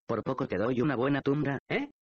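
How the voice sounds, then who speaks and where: A man's voice: medium pitch, brisk, a little mellow, dry recording, natural voice. A man reading the lines of the detective's teasing, doubtful male friend, in a dull, dry audiobook recording. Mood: joking.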